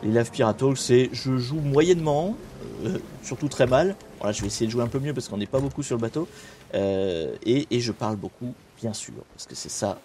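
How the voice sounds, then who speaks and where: A man's voice: medium pitch, normal speed, faint music behind. Laid-back young male streamer, chatty and rambling, greeting his viewers between restarts. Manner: relaxed, rambling, many fillers and restarts. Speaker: streamer and host. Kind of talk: casual live-stream chat while gaming.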